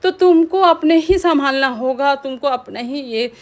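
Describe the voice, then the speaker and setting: Woman voicing a wise mother, gently lecturing, fairly high-pitched. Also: a little slow. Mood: advising. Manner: gently lecturing, plain reading of dialogue.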